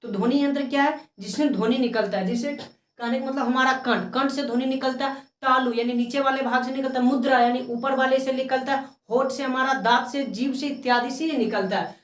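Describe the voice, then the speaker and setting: High-voiced woman teaching grammar, echoey. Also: steady tone, a little fast, distant mic. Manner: repeats terms and quizzes herself aloud. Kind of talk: grammar lesson explaining sounds.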